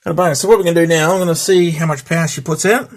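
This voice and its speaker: A chatty Australian man tests radio gear, racing along in a fairly high, steady voice. As a radio hobbyist vlogger doing a casual hands-on demo, he rambles and repeats his test counts. The home recording carries noticeable background noise.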